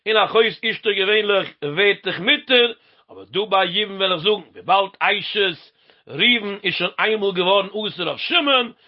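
A man's voice: sits high, expressive, moderate pace. A man, explaining a Talmud passage in a sing-song lecture. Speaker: Talmud teacher. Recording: lo-fi dull recording.

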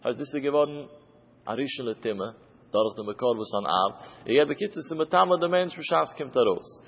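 A man's voice: mid-range voice, animated, fairly quick, slightly rough. A man teaching a traditional Talmud lesson in a sing-song study chant, with phrases that rise and fall. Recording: dull lo-fi with long reverb.

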